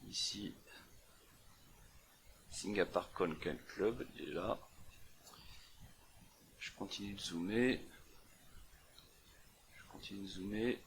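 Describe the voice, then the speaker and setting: A man's voice: fairly low pitch, slow pace, long pauses, slight background noise. A young man casually talking through a map puzzle on screen, thinking aloud with many fillers and restarts. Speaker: CTF walkthrough presenter. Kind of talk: casual screen-recorded walkthrough.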